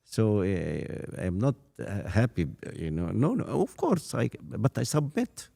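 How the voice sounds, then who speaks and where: A man in his eighties with an Egyptian accent, a native Arabic speaker, telling his life story as a priest in an interview, halting and repeating words. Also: on the low side, huge pitch swings, gravelly, warm tone. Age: 80s. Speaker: Coptic priest guest.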